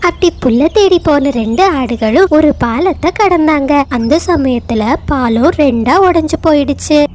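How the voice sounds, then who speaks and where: A woman narrating a children's cartoon story in a steady storytelling manner. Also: high voice.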